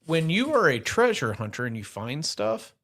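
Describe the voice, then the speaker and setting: A middle-aged man talking loosely on a podcast, wandering through his points and correcting himself as he goes. He laughs easily and keeps a relaxed, chatty flow. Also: a little high, normal speed. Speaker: podcast host. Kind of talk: casual chat.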